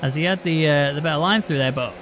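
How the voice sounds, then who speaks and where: A male motorsport commentator with a notably high-pitched voice calls an online race. He follows each move play-by-play and adds explanatory asides. The sound is muffled, with noticeable vehicle noise behind him. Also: fast talker, fairly bright tone.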